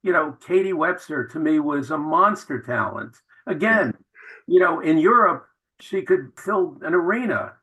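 A man's voice: fairly high pitch, lively intonation, measured pace, pushed and bright, poor audio. A man, a film director, answering radio interview questions with enthusiastic, anecdotal storytelling.

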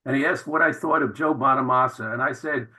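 A man's voice: medium pitch, a little fast, bright, forceful tone, low-quality recording. A man, a film director, answering radio interview questions with enthusiastic, anecdotal storytelling.

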